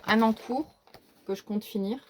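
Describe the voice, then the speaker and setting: Speaking at a medium pitch and moderate pace with slight background noise, a woman casually shows her coloring book collection on a vlog. Her regional French accent is one she herself calls folkloric, and she hesitates often, full of fillers and restarts.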